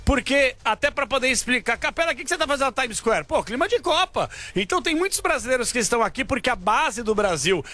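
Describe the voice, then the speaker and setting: A man giving a lively, jokey live radio report from outdoors in a busy city square. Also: very high voice, quick pace, few pauses.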